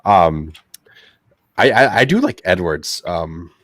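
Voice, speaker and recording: A man's voice: sits low, lively intonation, slow, a bit bright, no room sound. A young man co-hosting a hobby podcast while sick, stammering a bit as he chats. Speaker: podcast co-host. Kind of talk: casual chat.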